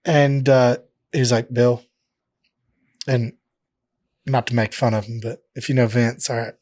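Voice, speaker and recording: A professional fighter tells stories as a guest on a casual podcast, rambling and swearing freely, with a steady stream of filler words. His voice sits at an ordinary male pitch. The sound is close and dry, with no room in it. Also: moderate pace, no room sound. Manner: profane, rambling storytelling, heavy filler words. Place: podcast studio.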